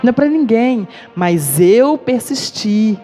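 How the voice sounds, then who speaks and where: A woman's voice: a little high, expressive, slow pace, dark tone, soft background music. A woman giving a testimony to a church congregation, telling her story vividly and acting out the dialogue she quotes. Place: church service.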